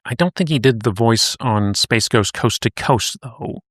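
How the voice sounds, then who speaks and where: A man's voice: mid-range voice, measured pace, fairly bright tone, dry recording, clean studio sound. A man co-hosting a podcast, recapping and chatting in a conversational storytelling way. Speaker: podcast co-host. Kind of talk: casual podcast chat.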